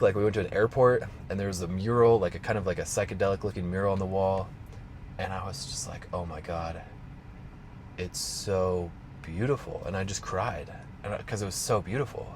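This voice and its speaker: Low-voiced man telling a rambling personal story. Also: a little hiss or hum. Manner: casual, rambling, heavy use of "like". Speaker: strength coach.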